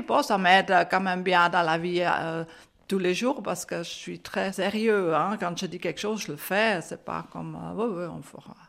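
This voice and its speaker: This interviewee, an older woman from German-speaking Switzerland, has a low, creaky voice as she chats through her life story in Swiss-accented French. Her native tongue is Swiss German, and she laughs a lot between frequent "hein"s and "euh"s.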